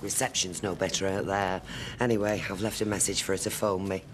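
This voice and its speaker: A woman's voice: very deep voice, fairly even intonation, brisk, slight background noise. An actress playing an anxious middle-aged bride, fussing over her wedding in a fretful, clipped way.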